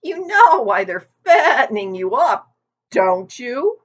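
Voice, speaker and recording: A woman voicing an old female sheep who delivers bad news bluntly and loudly. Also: high-pitched, very animated, slow pace, pitched above the performer's own voice, heavily acted. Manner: loud, blunt, knowing. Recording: dull lo-fi recording.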